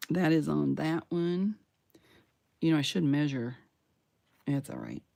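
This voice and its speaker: A woman's voice: low voice, measured pace, gravelly, warm tone, no room sound. A woman hosting a casual crafting tutorial, chatting to herself and her viewers as she works, with playful sound words and little self-cheers. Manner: chatty, talks to herself while working. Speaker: craft channel host.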